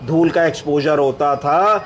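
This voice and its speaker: A man's voice: on the high side, measured pace, faint music behind. A male doctor teaching clinical medicine step by step, asking questions and then answering them himself, with English medical terms mixed into his speech. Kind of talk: explanatory medical lecture.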